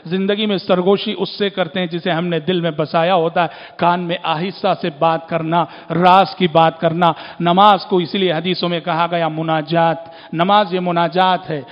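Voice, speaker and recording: A man's voice: high-pitched, level tone, lo-fi sound. A man preaching a sermon in oratorical style, repeating his phrases for emphasis. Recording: long hall reverb.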